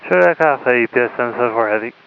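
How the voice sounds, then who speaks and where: A man's voice: mid-range voice, expressive, rapid-fire, creaky. A male cargo pilot giving clipped readbacks over aircraft radio. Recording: dull clicky aircraft radio, faint noise.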